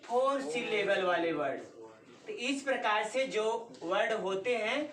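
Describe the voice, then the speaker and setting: A woman's voice: mid-range voice, expressive, measured pace, crowd noise. A woman teacher who gives a classroom grammar lesson. She dictates definitions word by word, repeats terms, and asks the class questions before answering them herself. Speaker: English teacher. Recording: roomy sound from a mic at a distance.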